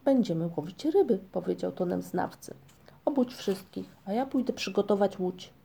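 A woman's voice: mid-range voice, expressive, normal speed, gravelly, warm tone, slightly rough. A woman voicing Snork, a bossy sarcastic creature. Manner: sarcastic, commanding. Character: male Snork, bossy self-important little creature. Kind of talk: audiobook reading.

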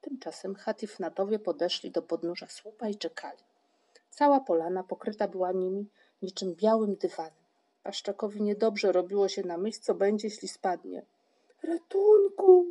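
Woman narrator for a children's audiobook, expressive and measured, mellow voice. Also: medium pitch.

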